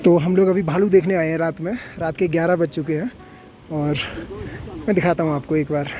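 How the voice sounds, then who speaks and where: Over a very noisy crowd, a man with a fairly high voice talks fairly quickly in a flat delivery. He's a travel vlogger on a mountain trail, sick with a fever and tired from climbing, casually chatting and advising his viewers in a friendly way.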